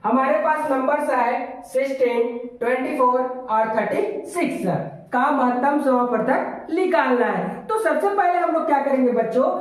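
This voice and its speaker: A woman's voice: sits high, normal speed. A woman teaching a step-by-step maths lesson, talking to her pupils and often checking that they follow. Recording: very echoey room.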